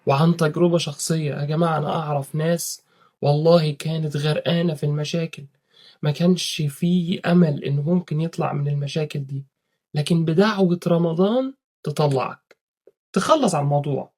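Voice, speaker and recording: Fast-talking husky Egyptian man. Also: fairly high pitch, darkish tone. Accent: Egyptian Arabic. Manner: earnest, swears oaths, brief laughs. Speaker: religious advice speaker. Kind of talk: casual spoken advice to viewers.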